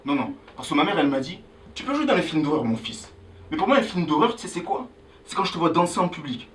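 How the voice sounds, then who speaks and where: A young man from Angola doing a stand-up comedy set on a club stage, loudly hyping the crowd between jokes. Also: a little high, quick pace, far from the mic, heavy background noise. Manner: animated, hyping the crowd with loud calls. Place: comedy club stage before a live audience.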